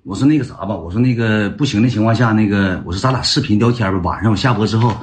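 A man's voice: lowish voice, fast talker. A man with a Northeastern Mandarin accent telling a comic personal story in a rambling way, repeating himself and calling his listeners brothers.

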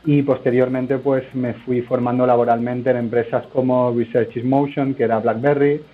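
Over a narrow phone line with soft music in the background, a guest entrepreneur from Spain talks through a conversational interview, his answers loose, rambling and full of hesitations. He speaks at a normal speed in a medium pitch with little pitch movement.

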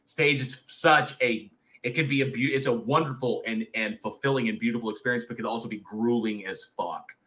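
A brisk, bright, forceful medium-pitched voice belongs to a man in his thirties who co-hosts a casual live horror review chat show. Candid and swearing freely, he keeps restarting his sentences.

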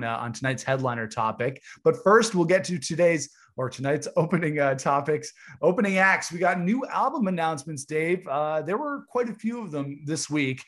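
Man, average pitch, podcast co-host, casual music talk. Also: fairly bright tone. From Canada.

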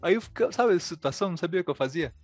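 Lively fast-talking Brazilian man. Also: sits high, dry recording, faint music behind. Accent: Brazilian Portuguese. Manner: animated, quick storytelling full of fillers. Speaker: podcast host. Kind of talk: casual storytelling chat.

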